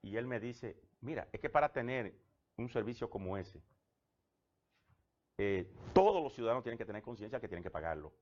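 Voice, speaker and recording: A Dominican labor official guesting on a TV interview speaks quickly and in a sing-song way, his fairly low, darkish voice heard with the highs cut off. He recounts personal anecdotes in a Dominican Spanish accent, restarting his sentences often.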